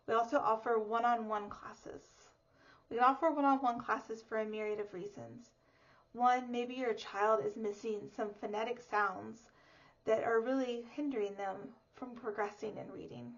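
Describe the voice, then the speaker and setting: A woman reading teacher giving an upbeat, clear presentation of her academy's classes to parents. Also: a little high, moderate pace. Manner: upbeat, clear and explanatory, with lively emphasis. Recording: slightly dull lo-fi audio.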